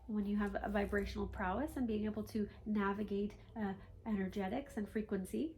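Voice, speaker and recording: Spirit guide played by a woman, seance medium delivery: formal, instructive, measured authority, questioning tags, slight background noise. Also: medium pitch, fairly even intonation, a little mellow, lightly acted, rough recording. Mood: calm, instructive. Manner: formal stilted phrasing, often ending statements with "yes?". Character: calm, authoritative male spirit guide teaching human seekers. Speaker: trance channeler.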